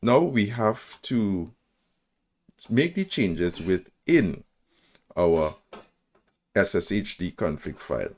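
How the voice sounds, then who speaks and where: Deep, lively man walking through commands. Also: slow, long pauses. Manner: talks through typed commands step by step, spelling them out; frequent "right?" checks and small self-corrections. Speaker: tutorial presenter. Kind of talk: screen-recorded coding tutorial.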